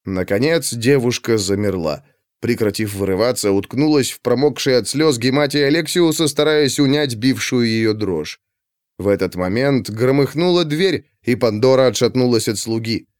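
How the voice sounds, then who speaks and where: Smooth-voiced male audiobook narrator. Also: mid-range voice, no echo, clean studio sound. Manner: measured storytelling. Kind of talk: scripted narration.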